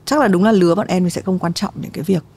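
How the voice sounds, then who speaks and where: Mellow-voiced woman host. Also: lowish voice, very fast, slightly rough. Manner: thoughtful, asks open questions with many fillers. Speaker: podcast host. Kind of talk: relaxed interview chat.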